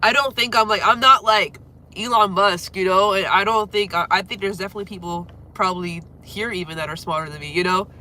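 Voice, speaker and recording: She's a young musician from Florida livestreaming through a close-held phone, her deep voice a little fast and thick with a cold that has her coughing and stuffed up. Chatting casually with viewers, she rambles, uses plenty of fillers, and lets her sentences trail off quietly.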